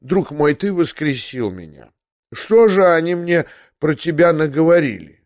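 A man reading an audiobook, voicing a frail, frightened old prince who pleads in a slow, trembling voice and slips into French. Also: on the high side, lively intonation, a little mellow, no room sound, studio quality, voice pushed up. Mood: overjoyed. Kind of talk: audiobook character voice.

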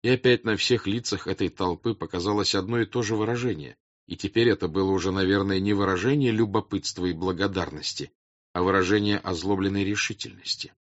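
A man reading a classic novel aloud as an audiobook narrator, calm and even. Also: sits low, fairly quick, no room sound, dull audio. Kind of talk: scripted narration.

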